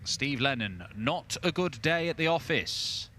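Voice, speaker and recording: A man delivers live darts commentary in a bright, forceful voice at a middling pitch. There is faint venue noise behind him. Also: animated, unhurried.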